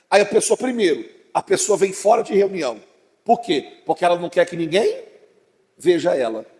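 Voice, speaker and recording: A man preaching a sermon as pastor, with swelling emphasis. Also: high-pitched. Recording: long hall reverb.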